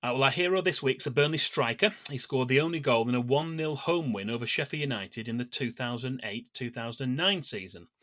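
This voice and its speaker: A man co-hosting a football fan podcast, calmly reading prepared notes on past matches with small hesitations and fillers. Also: mid-range voice. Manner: measured, steady delivery of scripted match history with small hesitations. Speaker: podcast co-host.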